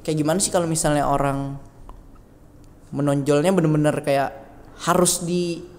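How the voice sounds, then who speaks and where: On a casual podcast, a young school alumnus shares his story at a normal pace, his voice on the high side. He animates the tale by performing the voices of those he quotes, recorded in an echoey room with a little noise.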